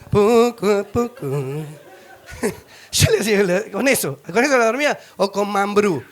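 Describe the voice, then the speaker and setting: A middle-aged male pastor with a Rioplatense Spanish accent and a notably high voice for a man delivers a humorous sermon at a slow pace. He tells family stories in an animated way, imitating other people's voices, singing short snippets, and laughing often.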